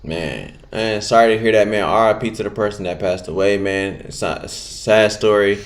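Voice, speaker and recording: A man's voice: lowish voice, moderate pace. A man hosting his own channel, reacting to a news clip in blunt, loose, slang-heavy casual talk.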